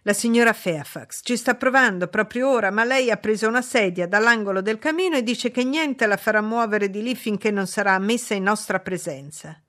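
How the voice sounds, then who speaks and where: A woman's voice: mid-range voice, fairly quick, few pauses, a bit bright, pitched above the performer's own voice, close to an everyday voice. A woman reading a flustered male footman. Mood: anxious.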